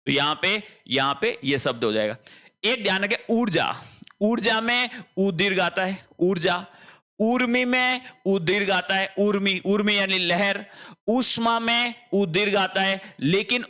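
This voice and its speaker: Male teacher, high lively voice, bright, emphatic, slow careful delivery. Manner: emphatic, repeats words and asks rhetorical questions. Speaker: Hindi teacher. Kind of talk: spelling lesson.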